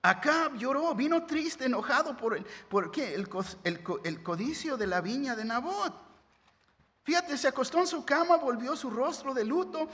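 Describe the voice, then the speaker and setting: A man's voice: extremely high pitch, expressive, normal speed, a bit bright. A man, preaching a sermon as pastor in a conversational way, often asking "right?". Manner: conversational preaching with tag questions. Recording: long hall reverb.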